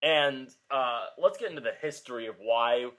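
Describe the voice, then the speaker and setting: This Pilates instructor and fitness podcast co-host, a young adult man, has a medium-pitched, slightly bright voice that sounds animated at an ordinary speed. Chatting casually, he tells a long, wandering story packed with filler.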